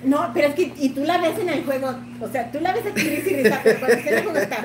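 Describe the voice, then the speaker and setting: A woman with a Mexican Spanish accent, chatting casually and telling lively stories with laughter. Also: high-pitched, very fast, over a noisy crowd. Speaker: co-host, friend. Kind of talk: casual storytelling chat. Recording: echoey room with noise.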